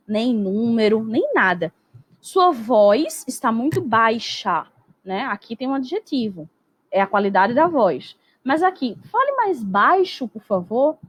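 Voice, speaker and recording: Woman teacher with a high voice explaining grammar, keeps saying "né?", acts out example sentences. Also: husky. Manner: explanatory, peppers speech with "né?" and "tá?". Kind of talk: recorded grammar lesson.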